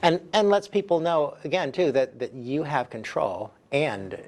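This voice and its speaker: A man working as an instructor, explaining casually in a halting, self-interrupting, informal way. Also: a little high. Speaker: hypnosis instructor. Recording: clear background noise.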